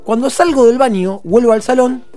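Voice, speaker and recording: A man in his thirties with an Argentine accent, telling comic stories on live radio in a deadpan, ironic way. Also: very high-pitched, normal speed, faint music behind. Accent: Argentine Spanish. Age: 30s. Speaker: comedy segment host. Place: radio studio.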